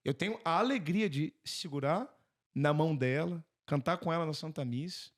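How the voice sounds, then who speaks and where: Brazilian priest telling animated stories. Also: male voice, a little high, normal speed. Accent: Brazilian Portuguese. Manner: animated, acts out dialogue in quoted voices. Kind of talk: conversational storytelling in an interview.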